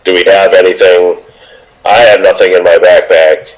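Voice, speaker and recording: A man with a very deep voice talks through his moves in a tabletop game. He deliberates aloud in a casual way, his delivery staying flat and even. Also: low-quality recording. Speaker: player.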